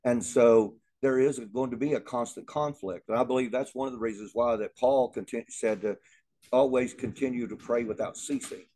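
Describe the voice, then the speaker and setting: A man leads a Bible lesson in an earnest, conversational way. His voice sits at an ordinary middle pitch. He often repeats a word or restarts a phrase while he works out his thought. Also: fairly even intonation, moderate pace, warm tone. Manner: earnest, repeats words while thinking aloud. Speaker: Bible teacher. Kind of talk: Bible teaching.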